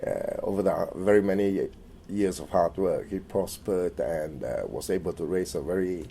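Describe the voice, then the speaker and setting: In this oral history interview, the middle-aged man from Malaysia hesitates often, restarting and filling pauses, and his voice fades at the ends of phrases. It sits low and creaky at normal speed, with a little hiss or hum on the recording.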